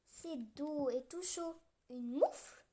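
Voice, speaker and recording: Woman doing little mouse, high pitch, bright and indignant, storybook voice. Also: slow. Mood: lively. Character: small female mouse, cosy and possessive. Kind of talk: children's story reading.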